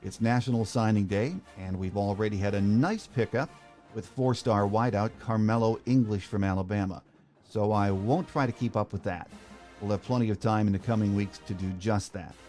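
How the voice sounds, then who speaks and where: A sports podcast host reads a prepared opening and then interviews his guest, using easy fillers along the way. His fairly low, slightly mellow voice moves at normal speed, with faint music in the background.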